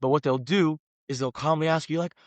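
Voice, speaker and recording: He's an American man in his twenties from Los Angeles, speaking briskly with a higher-than-average voice and fairly even intonation. As a podcast guest in casual conversation, he rambles with emphasis and lots of "like" fillers, and the recording has no room sound.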